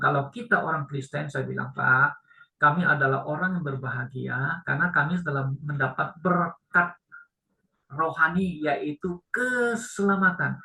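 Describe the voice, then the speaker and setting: A male pastor preaching a sermon who tells stories with animation and raises his pitch to act out the people he quotes. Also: creaky, sharp tone, echoey room, low-quality recording.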